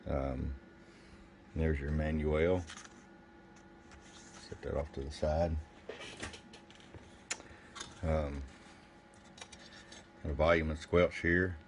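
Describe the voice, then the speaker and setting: Speaking very slowly with long pauses, this product reviewer has a bass voice and keeps his pitch mostly flat. He's at an indoor electronics bench giving an informal, plain-spoken take on some gear while thinking aloud, with faint background noise present.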